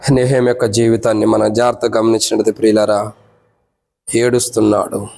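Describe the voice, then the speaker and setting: A man with a Telugu accent preaching at a church prayer meeting. He teaches by numbered points and questions to the congregation, and his voice climbs high when he voices the lament. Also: level tone, quick pace, gravelly, darkish tone, low-quality recording. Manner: rises sharply in pitch when voicing the lament.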